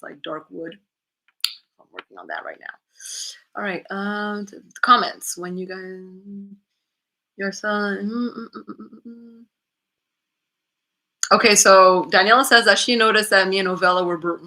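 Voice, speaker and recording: Low-quality audio captures a YouTuber's livestream Q&A, with her reading viewers' comments aloud from her living room, laughing often and speaking candidly. She is lower-voiced with a sharp tone.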